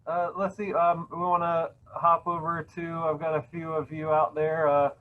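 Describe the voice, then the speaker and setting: A man hosting a virtual reception, talking in a relaxed, halting way with many fillers. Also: a little high. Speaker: host. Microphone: video call. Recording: tinny phone-like call audio, faint noise.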